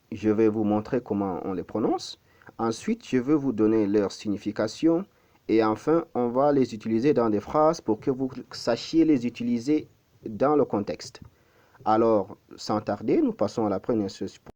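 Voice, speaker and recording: Male teacher, patient pronunciation lesson, repeats words, self-correcting, deep warm voice. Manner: patient, repeats each word several times, with frequent fillers and self-corrections. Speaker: language teacher.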